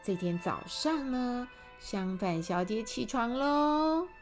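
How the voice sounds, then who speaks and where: A woman reads a children's story aloud and talks directly to young listeners. Her fairly high voice swings up and down with lively expression, and she takes her time with each line. Faint music plays underneath. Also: takes it slowly.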